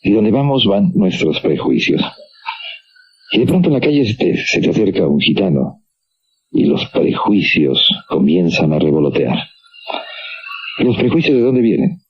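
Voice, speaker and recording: A man's voice: low voice, very animated, a little slow, pauses often, a little hiss or hum. An older man with a Mexican Spanish accent, musing on a radio monologue and putting questions straight to the listener, from a dull lo-fi 1990s AM radio recording. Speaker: radio host.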